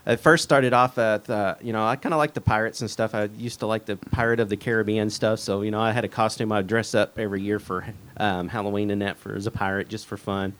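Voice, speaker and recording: A man's voice: on the low side, steady tone, quick pace, hardly any pauses, a bit bright, clear, resonant tone. A middle-aged man, a guest chatting in an interview with many fillers and restarts. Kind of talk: casual interview chat.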